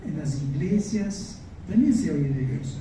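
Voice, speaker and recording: A man's voice: on the high side, very animated, a little slow, mellow, slight background noise. A man preaching a sermon to his congregation, earnest and often asking them questions. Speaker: pastor. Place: church. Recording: echoey church hall, mic far off, faint music.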